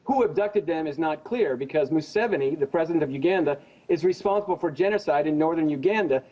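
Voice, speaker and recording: With a fairly high, warm voice, an American man, a genocide investigator, shares opinionated commentary as a news interview guest. His delivery is emphatic, accusatory and insistent, and the audio is dull and lo-fi.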